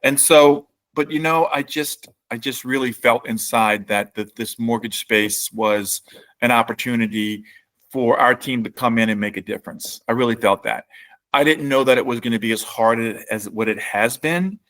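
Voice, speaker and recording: As a guest on a laid-back podcast, a middle-aged chief executive from New Orleans, Louisiana, spins stories at a leisurely pace. His voice sits in the middle range, and his delivery is loose, full of fillers and restarted sentences.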